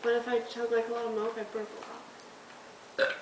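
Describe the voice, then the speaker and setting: A woman's voice: a little high, monotone, fairly quick. A woman chatting casually with her friend, rambling with plenty of "like", picked up by a camera microphone. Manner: rambling, lots of "like". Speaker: best friend in a burping contest. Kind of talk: casual chat. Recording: roomy, distant home-video audio with noise.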